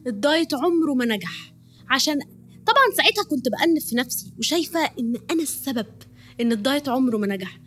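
A woman's voice: high-pitched, big pitch swings, very fast, a bit bright, slightly rough. A young woman with an Egyptian accent hosting a podcast, telling her own story in an emotional, confessional way. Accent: Egyptian Arabic. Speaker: podcast host, nutritionist.

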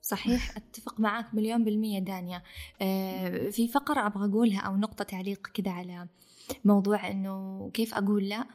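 A woman's voice: medium pitch, steady tone, fast, a little mellow. A woman who co-hosts and counsels, giving direct advice in a podcast discussion. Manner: affirming, gives advice directly. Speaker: co-host and counselor.

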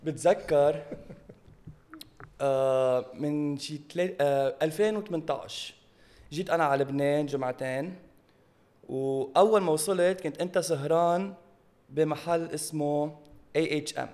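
A man's voice: on the high side, moderate pace, darkish tone. A man with a Lebanese Arabic accent chatting casually with a friend, slipping English phrases into his speech. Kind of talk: casual bantering chat with a friend.

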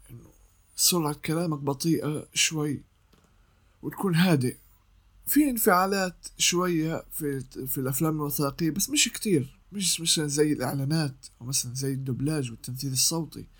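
Husky young man teaching voice-over. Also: on the high side. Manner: explanatory, repeats himself, sings scale notes. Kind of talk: casual tutorial.

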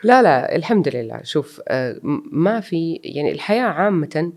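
A woman's voice: low-pitched, sing-song, fairly quick, a little mellow. A woman, speaking earnestly and reflectively as an interview guest, mixing in English words. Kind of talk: personal interview.

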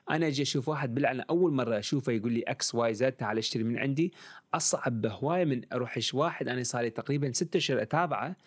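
A man with an Iraqi Arabic accent who mixes English words and phrases into his Arabic, coaching in a casual, conversational way with a slightly husky voice. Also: medium pitch, no room sound, clean studio sound.

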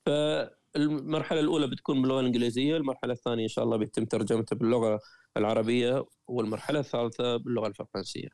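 A man with a Gulf Arabic accent speaks briskly and eagerly as a guest, often breaking off and restarting his sentences. His voice is mellow and dark in tone. He is recorded close to the mic with a dry sound. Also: medium pitch, dry recording. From Qatar. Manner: lively storyteller, frequent self-corrections and restarts. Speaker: guest, traveler and writer. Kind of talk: conversational interview.

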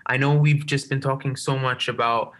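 A man's voice: mid-range voice, fairly even intonation, normal speed, fairly bright tone. A man hosting a podcast interview on a remote call. He asks long, rambling questions with enthusiasm. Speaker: podcast host.

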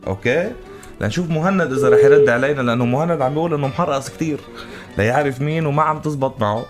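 Lebanese guy w levantine arabic accent, radio host, super quick and playful chat, bit of music behind. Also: medium pitch. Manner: animated, teasing, often laughing. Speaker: radio morning show host. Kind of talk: playful casual radio banter. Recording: music bed under studio voice. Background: background music.

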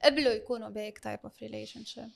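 A woman's voice: fairly high pitch, steady tone, fast, gravelly. A woman with a Lebanese Arabic accent hosting a casual discussion, mixing English words into her speech. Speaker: talk host asking questions and commenting.

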